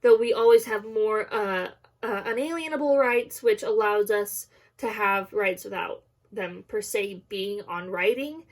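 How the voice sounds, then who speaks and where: A young woman talks through a class assignment in a recorded presentation. She sounds nervous, halting often and correcting herself mid-phrase. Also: mid-range voice. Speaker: student presenting a class discussion.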